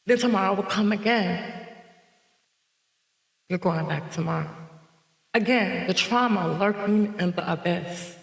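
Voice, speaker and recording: A woman from North Carolina hosting a podcast, telling her own story in a reflective monologue with slow, emphatic repetition. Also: medium pitch, vocal fry. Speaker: podcast host. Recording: echoey reverberant room.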